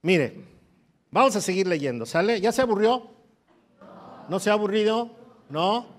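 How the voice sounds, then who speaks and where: Preacher guy, kinda high voice, quizzes the crowd, reads the bible out loud and punchy. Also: expressive, unhurried. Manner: asks the congregation direct questions; reads scripture aloud with rising force. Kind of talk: sermon.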